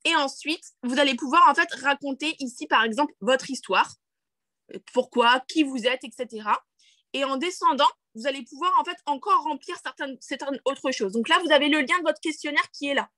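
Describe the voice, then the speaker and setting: Brisk and sharp-toned, a woman with a high-pitched voice leads a video-call screen-share tutorial in a dry recording. As a network marketing team leader she's chatty, full of fillers and restarts, regularly checking in with "d'accord?" and laughing at her own English.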